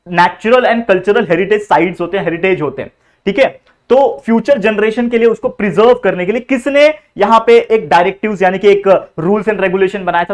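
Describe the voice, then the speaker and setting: Young male tutor, high-pitched, chatty, drills answers by repetition. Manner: chatty, repeats answers for memorizing. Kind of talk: casual exam-prep lesson.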